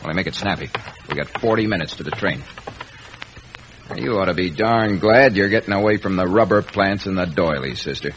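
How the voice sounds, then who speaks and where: Deep-voiced menacing American gangster. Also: male voice, brisk, a bit bright. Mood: taunting, threatening. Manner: slangy, taunting tough-guy talk. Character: cool, menacing gangster killer sweet-talking his frightened girl. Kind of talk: old-time American radio crime drama acting. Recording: noisy vintage radio recording.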